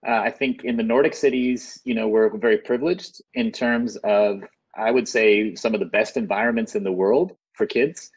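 Husky-voiced man on a video call. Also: fairly low pitch, moderate pace, rough recording. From United States. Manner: relaxed, conversational, frequent "you know". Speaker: panelist, urban design expert. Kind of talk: webinar talk. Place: indoors, plain room. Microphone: earbuds on video call.

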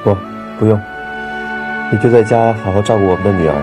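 An actor playing a proud, jobless young husband in a TV drama, earnest and reassuring but stubborn. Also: male voice, fairly low pitch, fairly even intonation, fast, natural voice. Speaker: unemployed husband. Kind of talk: TV drama acting. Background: loud background music.

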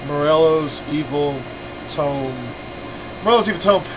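A man's voice: fairly high pitch, a little slow. A young man hosting a casual cooking video in a small restaurant kitchen, talking loosely with lots of fillers and the odd swear, recorded on a close camera mic. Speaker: cook hosting a cooking show. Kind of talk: casual unscripted cooking demo. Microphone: camera mic, handheld camera at close range. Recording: loud kitchen noise behind voice.

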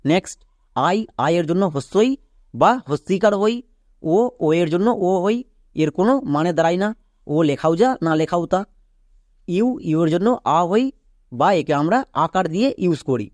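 A man's voice: sits high, darkish tone, dry recording, clean studio sound. A man teaching English spelling and pronunciation in a video lesson, explaining step by step and answering his own questions.

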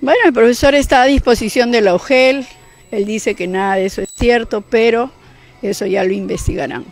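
A woman's voice: fairly high pitch, a little fast. A woman school principal from Peru giving a cautious, guarded statement to the press. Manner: cautious, evasive.

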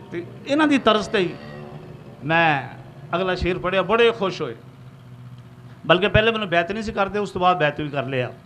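A man's voice: sits high, fairly bright tone, slight background noise. A man, preaching a fervent sermon and calling on the crowd to respond. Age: 60s. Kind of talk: sermon with chanted verse.

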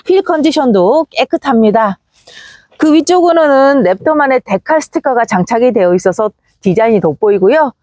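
A woman giving a polished, upbeat used-car sales pitch, presenting a vehicle like a slick dealer. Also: lively intonation, moderate pace, a little mellow, dry recording, studio quality.

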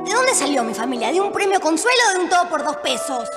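A sarcastic daughter in a telenovela, scornful of her mother's crying. Her voice is very high, and loud music nearly covers it. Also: big pitch swings, quick pace. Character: exasperated teenage daughter mocking her mother. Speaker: actress in a telenovela scene. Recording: TV clip under loud music.

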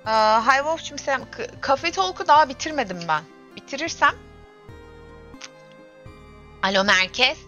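A woman's voice: high-pitched, expressive, moderate pace, long pauses, sharp tone. A young woman in her twenties streaming a game, chatting casually and grumbling and exclaiming to herself as she plays. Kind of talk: casual gameplay livestream chat. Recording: dull lo-fi stream audio with faint game music.

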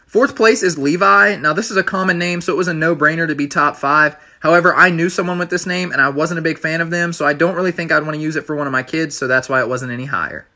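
A man's voice: on the high side, fast talker, hardly any pauses, sharp tone. A young man in his twenties ranking things in a talking-head video, opinionated with a dry, sarcastic edge, filmed on a phone at arm's length. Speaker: vlogger.

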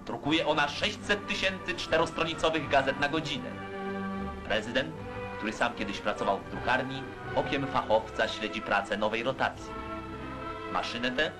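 A man giving solemn, declamatory narration for an old newsreel soundtrack. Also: mid-range voice. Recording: narration over loud orchestral music.

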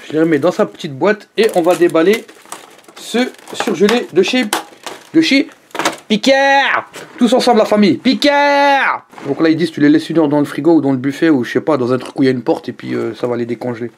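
A man reviewing food in a casual vlog, chatting to the camera at home with lively exclamations and asides to his viewers. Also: a little high, very fast, few pauses, slight background noise.

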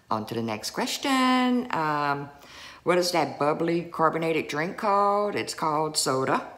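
Slow, low-voiced South Louisiana woman. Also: fairly bright tone. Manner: chatty, folksy, drawn-out words. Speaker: YouTuber. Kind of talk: casual accent tag vlog.

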